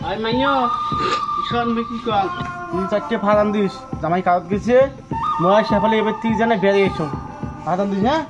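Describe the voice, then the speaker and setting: A woman's voice: mid-range voice, a little fast, lo-fi sound, close to an everyday voice. A woman playing a scheming village mother-in-law in a Rajbanshi comedy sketch, speaking with a Rajbanshi accent in a coaxing, bossy way. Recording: loud background music.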